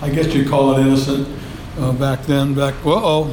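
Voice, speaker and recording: An older man at a support group meeting tells his story through a handheld mic in a meeting room, rambling and folksy with many fillers. His medium-pitched voice is a little mellow, with little pitch movement and normal speed. The recording is rough, with slight background noise.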